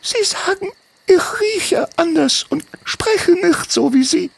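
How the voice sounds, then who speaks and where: A man's voice: extremely high pitch, expressive, takes it slowly, vocal fry, no echo, pitched above the performer's own voice, full character voice. A man voicing a sad, shy young forest gnome girl who sighs and answers in short, tearful phrases. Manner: sighing, tearful, clipped answers.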